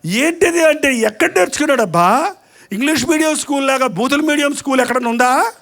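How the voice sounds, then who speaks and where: Brief: male preacher, very high voice, lively sermon delivery that acts out arguments and quizzes the congregation. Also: fast. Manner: animated preaching, acting out quarrels, rhetorical questions to the congregation. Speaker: pastor.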